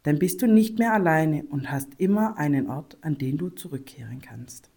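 Gentle kind mother, read by a woman. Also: low voice, expressive, moderate pace, gravelly.

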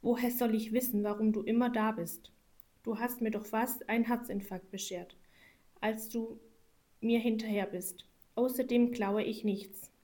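A woman voicing a defiant little female mouse in a storybook, quick and stubborn. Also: on the high side, steady tone, dark tone, lightly acted.

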